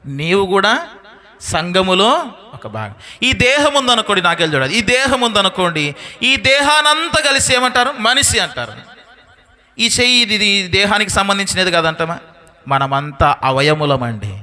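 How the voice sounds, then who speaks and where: A man preaching a sermon, firing questions at the congregation and answering them, his voice swinging between loud rising declarations and soft low drops. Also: big pitch swings, moderate pace. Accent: Telugu. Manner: call-and-response questions to the congregation. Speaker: pastor.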